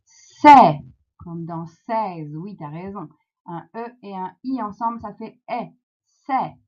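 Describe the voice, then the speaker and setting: Woman, French accent, primary teacher, very slow encouraging delivery, muffled lo-fi recording. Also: medium pitch, a little mellow. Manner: slow, clear, encouraging, syllable by syllable. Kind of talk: phonics lesson for young children. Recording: dull lo-fi sound.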